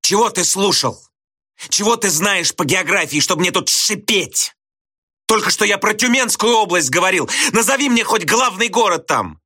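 A man's voice: high-pitched, very animated, a little slow, hardly any pauses, voice pushed up, heavily acted. A man doing a furious barking schoolteacher. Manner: barking, shouting. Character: irate male geography teacher, hot-tempered and proud. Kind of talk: audiobook character voice.

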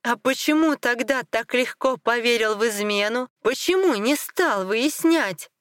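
A woman acting out an obsessive young wife, shrill and high, pleading and shouting in a storybook drama. The recording is dry and close, with no room sound. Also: measured pace, dry recording. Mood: furious.

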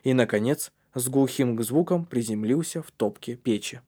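A man reading a storybook aloud as narrator in a steady, measured way. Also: mid-range voice. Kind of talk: audiobook narration.

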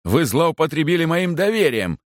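A man's voice: mid-range voice, big pitch swings, normal speed, dry recording, clean studio sound. A man voicing a stubborn, indignant male creditor who talks insistently. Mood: outraged. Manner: insistent, stammering, then outraged.

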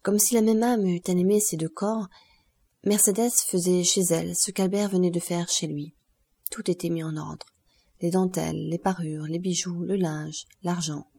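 A woman with a husky, fairly low voice narrates a classic novel as an audiobook, reading in a measured, expressive way.

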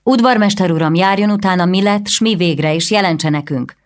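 A woman voicing a brash young male prince in an audiobook, calling out loud proclamations. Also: medium pitch, lively intonation, pitched above the performer's own voice, close to an everyday voice. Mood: commanding. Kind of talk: audiobook reading.

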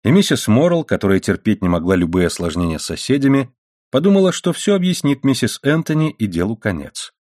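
A man's voice: medium pitch, very animated, a little fast, a little mellow, no echo, clean studio sound. A man narrating a classic novel as an audiobook, reading expressively and acting out the dialogue.

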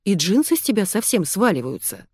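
Woman voicing a sharp-tongued young woman, drawling, scolding, very dry sound. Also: mid-range voice, very animated, fairly quick, slightly rough, no room sound.

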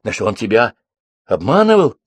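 A man's voice: on the low side, very animated, normal speed, slightly rough, dry recording. A man reading the part of a stern young Komsomol boss who scolds and lectures. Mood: stunned.

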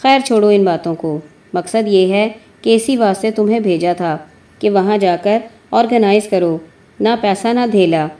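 A woman voicing a smooth-talking male union boss in a story, soothing and evasive. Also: medium pitch, dark tone, natural voice. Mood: placating.

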